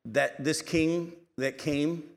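A man's voice: fairly high pitch, fairly even intonation, slow pace, creaky. A male pastor delivering a sermon, asking the congregation rhetorical questions and building in intensity. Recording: long hall reverb.

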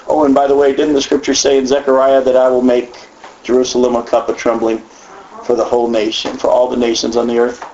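A man from the United States teaching the Bible in a conversational way, animated and folksy, with frequent asides and repeated words. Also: mid-range voice, quick pace, slight background noise. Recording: echoey, dull lo-fi room sound.

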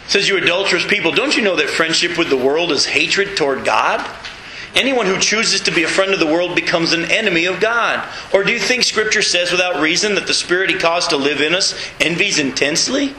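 A middle-aged man preaching a sermon as pastor, animated and reading scripture aloud to his congregation. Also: high-pitched, brisk, echoey room, a little hiss or hum, rough recording. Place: church sanctuary with congregation.

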